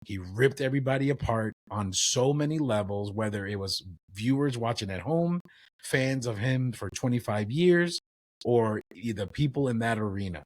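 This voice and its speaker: Man, medium pitch, casual wrestling podcast discussion, slangy and conversational, dry recording. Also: expressive, moderate pace, a little mellow, dry recording. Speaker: podcast co-host.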